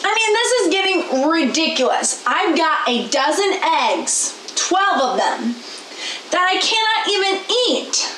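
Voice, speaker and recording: A high-voiced, unhurried farm girl with chickens, bewildered and exasperated in a folksy way, played by a young woman. She is heard in a church skit through a camera mic on a small indoor set, with room echo and a faint hiss behind. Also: very animated, sharp tone, full character voice. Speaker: guest in a skit.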